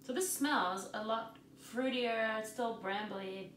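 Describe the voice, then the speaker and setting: A woman's voice: on the high side, slight background noise. A young woman co-hosting a podcast, chatting casually and animatedly while tasting wine. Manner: animated, chatty, quick laughs. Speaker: podcast co-host. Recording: echoey room, faint ambience.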